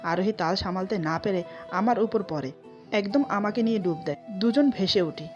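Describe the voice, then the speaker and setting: A woman narrating a romantic short story in a steady, scripted storytelling manner. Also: medium pitch, moderate pace. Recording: slightly dull, soft music behind.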